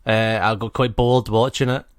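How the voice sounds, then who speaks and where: A Scottish man in his twenties co-hosting a podcast, joking in a dry, deadpan way. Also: fairly low pitch, moderate pace, clear, resonant tone, dry recording. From Scotland. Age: 20s. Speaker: podcast co-host. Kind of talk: casual chat.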